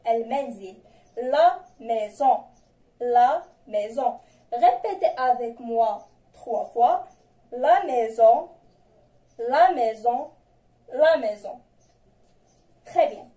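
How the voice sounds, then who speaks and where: A woman with a Moroccan accent leads a pronunciation lesson, saying each sound slowly and repeating it for her learners. Her voice sits high but has a soft, mellow tone, and it rings a little in an echoey room. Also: expressive. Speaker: French pronunciation teacher. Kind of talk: slow pronunciation lesson with repetition drills.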